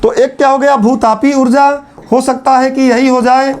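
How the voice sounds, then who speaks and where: Male teacher, very high voice, lecturing at a whiteboard, repeats key phrases for note-taking. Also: little pitch movement, darkish tone. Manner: repeats phrases slowly for students to write down.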